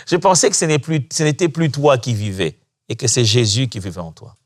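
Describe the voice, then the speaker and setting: A man preaching a sermon as a pastor, lively and expressive, acting out the voices he quotes and laughing between points. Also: mid-range voice, normal speed.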